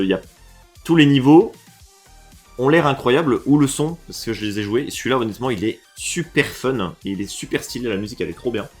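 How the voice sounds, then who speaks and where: A lower-voiced man from France reacting to game levels in a casual streamer way. He drops into quiet mumbles, then jumps up loud and excited, swearing freely. Faint music plays under his voice. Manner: animated, swears and shifts from low mutters to excited outbursts.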